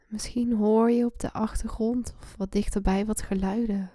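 A woman leading a guided meditation in a soft, breathy, soothing voice that often slips into a hushed spa-like whisper. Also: medium pitch, fairly even intonation, normal speed, no room sound, studio quality. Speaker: guided meditation podcast host. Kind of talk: slow guided relaxation meditation.

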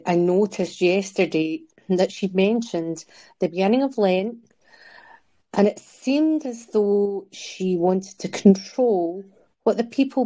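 A woman's voice: on the low side, dark tone. An older woman co-hosting a podcast, speaking plainly and directly and giving her opinions. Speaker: podcast co-host. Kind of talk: conversational podcast discussion.

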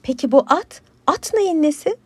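A woman's voice: sits high, expressive, moderate pace, dark tone, dry recording, pitched above the performer's own voice. Woman doing a coy, clever village wife. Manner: coquettish, curious.

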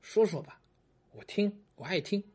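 A man voicing an elderly wife who coaxes her husband to confess old romances, in a husky, wheedling voice. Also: high voice, lively intonation, moderate pace, a little mellow, voice pushed up. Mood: coaxing. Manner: coaxing, wheedling. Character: elderly wife, coaxing and jealous.

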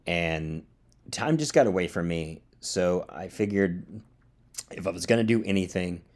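A man's voice: sits low, a little mellow. Rambling man hosting a podcast. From US South. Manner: rambling, chuckling, filler-heavy. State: yawning, a bit tired. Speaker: podcast host. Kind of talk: casual solo podcast chat. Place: studio apartment.

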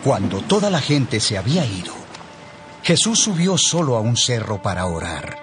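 Expressive man narrating a Bible audiobook. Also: mid-range voice, normal speed. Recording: narration over background music.

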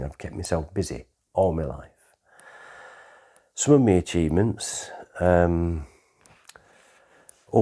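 A man, telling his life story in a rambling, conversational way with pauses and restarts. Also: a bass voice, mellow, slightly rough. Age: 60s. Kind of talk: unscripted autobiographical storytelling.

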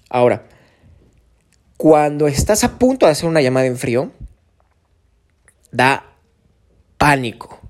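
A man's voice: a little high, a little mellow. A man with a Mexican accent hosting a solo podcast, talking conversationally in a coaching tone, asking rhetorical questions and using casual fillers. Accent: Mexican Spanish. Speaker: podcast host. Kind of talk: solo podcast monologue on sales.

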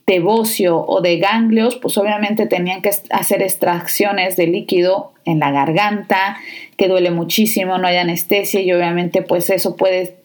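Casting note: young adult woman, podcast host, chatty and emotional storyteller, mid-range voice. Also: medium pitch. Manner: chatty, emotional, addresses listeners directly. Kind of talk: personal storytelling.

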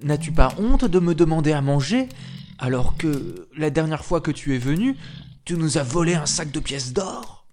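Storybook giantess, scolding and shrill, a man puts her on. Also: very animated, a little slow, a little hiss or hum. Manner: sharp, raised, scolding. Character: bossy quick-tongued giant's wife.

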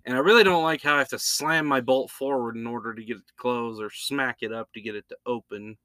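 A man's voice: medium pitch, quick pace, bright, forceful tone, dry recording. A man hosting a podcast in casual chat, laid-back and rambling, chuckling often. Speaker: podcast host.

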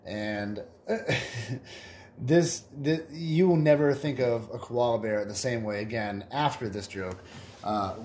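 A laid-back male podcast host telling dirty jokes in a loose, rambling manner. He chuckles at his own punchlines, and his voice sits at a middle pitch. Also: darkish tone, slight background noise. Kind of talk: casual joke telling.

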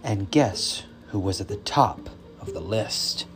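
A man reading a children's story aloud in a slow, expressive storytelling voice. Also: lowish voice. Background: music.

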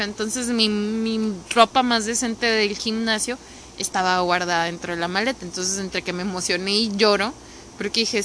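A woman's voice: on the high side, a bit bright, slight background noise. A woman with a Mexican accent talking casually in a candid, rambling personal monologue, feeling unwell and tired, swearing now and then. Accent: Mexican Spanish. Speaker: podcast host.

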